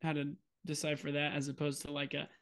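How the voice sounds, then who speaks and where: Laid-back young guy on a podcast, kinda high voice, says like a lot, laughs easy. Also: a little fast. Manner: relaxed and chatty, many fillers, laughs easily. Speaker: podcast co-host. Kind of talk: casual chat.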